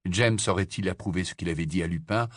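A man narrating an audiobook with a measured, dramatic storytelling delivery. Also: sits low, no room sound, clean studio sound. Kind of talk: scripted narration.

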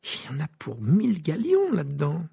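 A man's voice: high voice, very animated, brisk, vocal fry, slightly rough, voice pushed up, heavily acted. A man voicing an aggrieved teenage twin boy in an audiobook, recounting a grievance with rising exclamations.

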